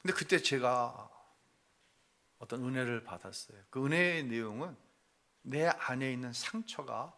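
A middle-aged male pastor telling a personal family story in a sermon, moving between hushed confession and loud acted-out quotes. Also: mid-range voice, expressive, moderate pace, gravelly, long pauses.

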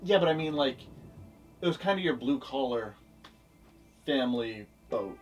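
A young man co-hosts a relaxed tour of a small boat, playful and quick to tease. He sounds slightly removed from the camera mic in a wooden cabin. Faint music runs behind him. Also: mid-range voice, far from the mic. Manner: upbeat, teasing, laughs often. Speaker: boat-owning video host. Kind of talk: casual chat, boat tour.

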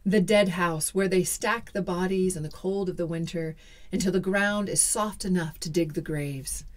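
A woman storyteller telling a folktale in the first person, dramatic and dropping to hushed whispers. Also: on the low side, normal speed.

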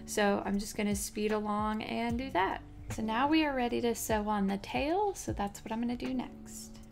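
With a slightly high, gravelly voice at normal speed, a young woman leads a casual step-by-step crochet tutorial indoors in her home craft room. She is chatty and upbeat, laughing frequently, with faint music behind her.

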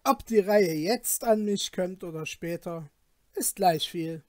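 A man's voice: sits high, takes it slowly, a little mellow, no room sound, studio quality. A man voicing a composed young student who speaks up among travellers at an inn, in a storybook reading. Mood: calm. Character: young male student, calm and clever.

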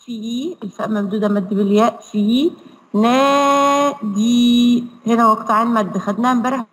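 A woman with an Egyptian Arabic accent teaches an online reading lesson over a video call, slowly sounding out words syllable by syllable. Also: fairly high pitch, fairly even intonation, a bit bright, in a large hall, rough recording. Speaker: primary school Arabic teacher.

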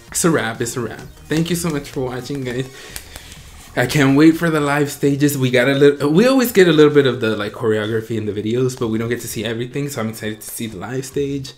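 Excitable man gushing over a music video. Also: mid-range voice, brisk. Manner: excitable, gushing, laughing, trailing off. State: out of breath. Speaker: reaction video host. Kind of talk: casual reaction commentary.

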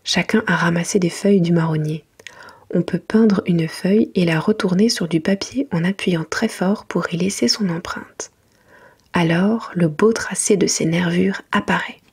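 A woman narrates a children's bedtime book in a very breathy, mostly whispered ASMR voice. Her pitch sits a little low. She reads gently and carefully, as if to young children. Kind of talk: soft whispered ASMR bedtime story reading.

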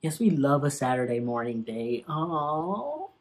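A man's voice: mid-range voice, normal speed, faint music behind. A young man giving casual, slangy and sassy commentary as he reacts to an old TV episode.

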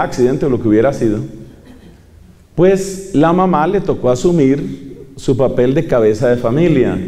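A man's voice: mid-range voice, warm tone. A man preaching a sermon to a congregation, emphatic, repeating key phrases and putting questions to his listeners. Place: large church hall with congregation. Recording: long hall reverb.

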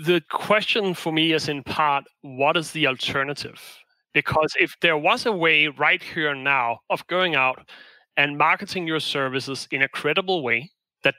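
Bright-voiced Danish-born man explaining. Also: fairly high pitch, no echo, rough recording. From Denmark. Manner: thoughtful, explanatory, with frequent restarts. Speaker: guest, management consultant. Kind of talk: podcast interview answers.

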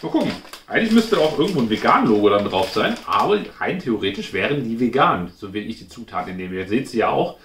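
A man's voice: fairly low pitch, big pitch swings, quick pace, fairly bright tone. A man, chatting informally as he hosts a taste-test review, thinking aloud. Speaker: food review host. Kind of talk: casual chat, snack taste-test review. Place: indoors at home, in front of a glass cabinet. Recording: roomy echo, clear background noise.

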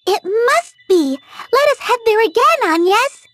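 An actress voicing a tiny, zealous, bossy fairy in a video game, excitable and commanding. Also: female voice, very high voice, slow pace, heavily acted. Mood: exultant.

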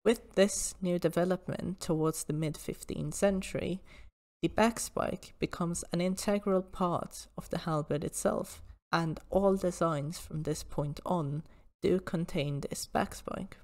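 A woman presenting an informal history lecture in a measured, precise, explanatory way. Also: lowish voice, fairly even intonation, a little mellow.

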